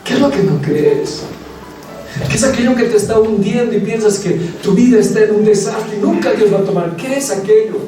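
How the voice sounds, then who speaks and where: The sermon comes from a male preacher whose high voice runs a little fast, urging on the congregation he calls his brothers. Captured in an echoey church hall from a distant microphone, it has faint music underneath.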